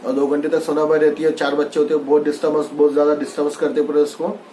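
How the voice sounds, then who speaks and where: Echoey teacher explaining a lesson. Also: male voice, fairly high pitch, little pitch movement, very fast, dark tone, a little hiss or hum. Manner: reads a line, then re-explains it loosely with English words mixed in. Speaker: Hindi teacher. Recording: echoey room.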